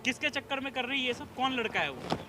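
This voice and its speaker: A man acting a gruff stranger who takes charge in a staged drama, barking orders. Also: very high voice, animated, quick pace, over music. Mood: commanding. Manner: gruff, commanding. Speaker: stranger who confronts her in a staged skit.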